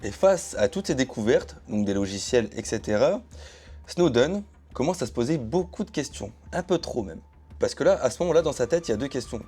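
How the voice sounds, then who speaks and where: A man's voice: medium pitch, lively intonation, brisk, mellow, slightly rough, faint music behind. A man telling a true story as a casual explainer, chatting straight to his viewers with frequent asides. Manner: chatty, addresses viewers directly with asides and hedging phrases. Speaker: YouTube storyteller. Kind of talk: casual explainer narration to camera.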